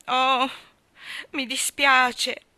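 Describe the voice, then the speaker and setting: A woman's voice: high-pitched, little pitch movement, very slow, no room sound, voice pushed up, exaggerated voice. A woman voicing a passionate, emotional young woman in an audiobook, pleading and crying out. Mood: anguished. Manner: pleading, rising to loud emotional outbursts.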